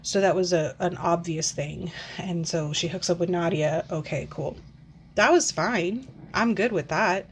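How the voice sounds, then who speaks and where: A woman's voice: fairly low pitch, unhurried, a little hiss or hum. A woman in her forties ranting casually into the camera, rambling and swearing, with frequent sighs and filler words. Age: 40s. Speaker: book vlogger. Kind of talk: casual rant.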